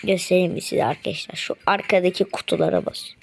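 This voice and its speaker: A woman giving gameplay commentary to her viewers while opening rewards, quickly getting frustrated and excited. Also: on the low side, creaky, soft background music. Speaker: mobile game streamer.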